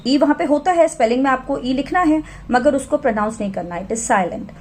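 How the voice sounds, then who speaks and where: A woman teaching a phonics lesson in Hindi mixed with English, spelling each word out letter by letter and then saying it slowly. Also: sits high.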